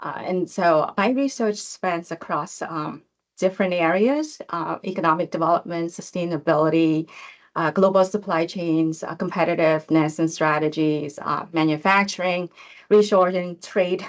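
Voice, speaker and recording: Woman professor from Cambodia. Hosts an online info session over a video call. Lower-pitched, hesitant delivery with frequent fillers. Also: normal speed. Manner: hesitant, many fillers and restarts.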